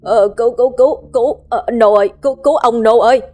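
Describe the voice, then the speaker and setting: A woman voicing a gruff, domineering older village master who barks orders and threats. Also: lowish voice, lively intonation, brisk, darkish tone, faint music behind. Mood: terrified. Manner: barking, threatening.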